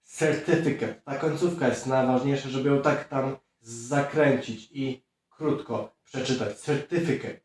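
A man teaching English pronunciation, drilling words slowly and clearly and prompting the listener to repeat. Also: mid-range voice, steady tone, darkish tone. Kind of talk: pronunciation lesson. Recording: very echoey room, heard from a distance.

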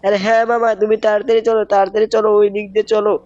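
A man's voice: completely flat delivery, very fast, a little mellow, no echo, highs cut off, close to an everyday voice. A man voicing a whiny young boy nephew in a cartoon style during gameplay commentary. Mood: pleading. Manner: high squeaky urgent pleading. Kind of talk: gameplay commentary role-play.

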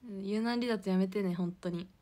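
A woman's voice: mid-range voice, fairly quick, mellow. A young woman hosting a casual idol livestream, giggly and chatty as she reads out viewer comments.

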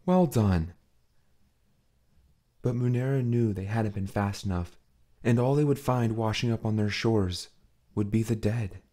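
Mellow-voiced man narrating an audiobook. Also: on the low side, steady tone, normal speed. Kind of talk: scripted narration.

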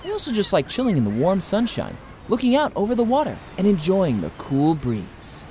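A woman's voice: mid-range voice, wildly swooping pitch, brisk, slight background noise. A woman voicing a cocky, bossy male dachshund lifeguard in a scripted comic voice-over. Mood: smug. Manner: bossy, self-satisfied. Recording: voice-over with loud music.

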